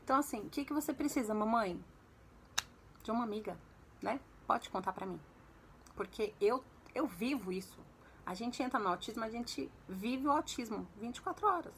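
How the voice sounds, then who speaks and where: Mulher brasileira falante, voz um pouco aguda. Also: female voice, animated, moderate pace, a bit bright, slight background noise. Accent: Brazilian Portuguese. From Brazil. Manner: chatty, confiding, acts out quoted dialogue with pitch jumps. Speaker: vlogger and mother. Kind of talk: casual advice vlog to mothers.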